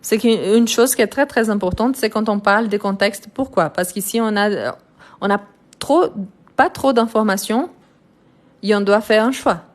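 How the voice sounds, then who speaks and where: A woman with French and Brazilian roots teaching French grammar in a live online lesson, speaking slowly and deliberately with frequent fillers and restarts. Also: mid-range voice. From France and Brazil. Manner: slow, deliberate, explanatory with many fillers.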